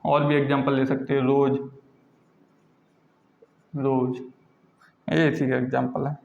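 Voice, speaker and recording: A man's voice: mid-range voice, flat delivery, creaky. Male teacher in echoey room. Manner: repeats examples slowly, asks and answers his own questions. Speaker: English grammar teacher. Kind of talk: classroom lesson explaining pronunciation rules. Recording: echoey lo-fi classroom recording.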